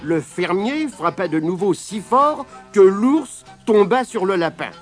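A man reading a children's storybook aloud in a high, very lively voice. He takes his time, slow and deliberate, and soft music plays underneath. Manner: expressive, animated reading.

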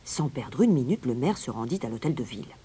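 A woman's voice: a bass voice, big pitch swings, fairly quick, mellow, breathy edge. A woman narrating a fairy tale expressively, dropping to a whisper at tense moments. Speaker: storyteller. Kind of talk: storybook narration.

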